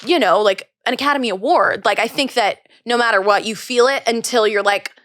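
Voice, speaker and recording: A young woman in her twenties, a podcast guest chatting casually, excitable, often gasping and acting out quotes, with lots of fillers. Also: fairly high pitch, a little fast, no room sound, clean studio sound. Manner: excitable, gasps and acts out quotes, many fillers. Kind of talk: casual chat.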